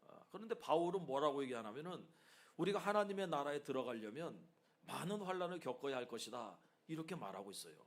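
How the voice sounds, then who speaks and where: Animated Korean pastor preaching. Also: male voice, on the high side, quick pace. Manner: animated preaching, frequent rhetorical "eh?" asides. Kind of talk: sermon. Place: church sanctuary.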